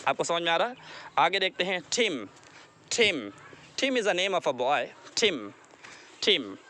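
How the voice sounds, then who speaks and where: A man with a fairly high, bright and forceful voice teaches a beginners' English lesson. He explains step by step and moves back and forth between English and Hindi-Urdu. He says drill words again and again for learners to repeat.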